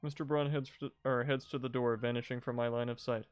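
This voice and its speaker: A man with a mid-pitched voice reads out a visual novel as its let's play host. He mixes narration with joking commentary, and music plays faintly behind him. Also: level tone, fast talker, clean tone, dry recording.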